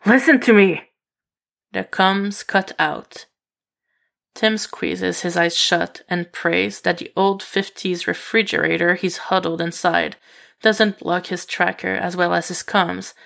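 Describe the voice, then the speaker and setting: Slow, gravelly woman reading a story. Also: lowish voice. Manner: steady, even narration. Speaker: reader. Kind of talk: audiobook fan-fiction reading.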